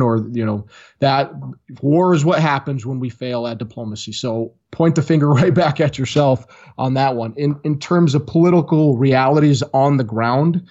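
A man tells his stories with lively energy and jumps into other voices when he quotes people. His voice sits in an ordinary middle range. The audio is a little dull and muffled. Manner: animated storyteller, acts out quotes with raised pitch. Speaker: guest, former Marine. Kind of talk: casual storytelling.

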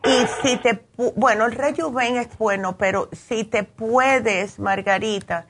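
Woman radio host giving health tips, slightly high voice, warm and reassuring. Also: slightly rough. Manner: affectionate, reassuring, quick backchannels. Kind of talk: call-in radio advice.

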